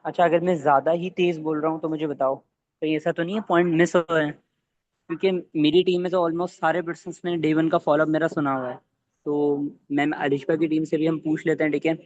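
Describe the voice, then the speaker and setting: A man leading an online training session for his team, talking fast and quizzing listeners with either-or questions. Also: a little high, flat delivery, a little mellow, no echo, lo-fi sound.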